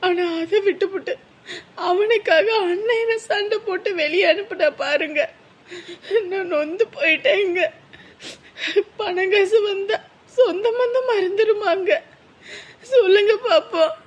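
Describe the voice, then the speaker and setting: A tearful, grieving young wife. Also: female voice, very high voice, moderate pace, highs cut off. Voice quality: tearful, quavering voice. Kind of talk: TV drama acting.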